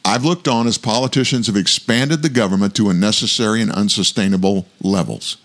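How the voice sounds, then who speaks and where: A man in his 60s from South Louisiana, with a big, very low voice and a fairly bright tone, hosts a commentary show. He delivers a scripted political monologue in a measured, reflective way.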